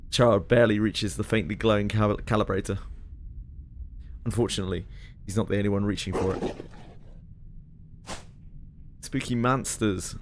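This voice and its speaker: A man's voice: on the low side, darkish tone, a little hiss or hum. A man streaming a game, reading its story aloud with dry, joking asides. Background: game music.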